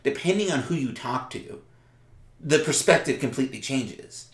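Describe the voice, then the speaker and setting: A man's voice: medium pitch, expressive, normal speed, recorded from a distance. A man co-hosting a podcast in casual chat, teasing his partner with sarcastic interjections. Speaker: podcast co-host. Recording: roomy echo.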